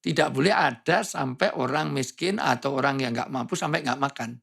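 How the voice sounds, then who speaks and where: Gravelly-voiced joking male preacher. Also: mid-range voice, normal speed, a bit bright. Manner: joking, playful, imitates sounds. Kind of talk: humorous preaching in conversation.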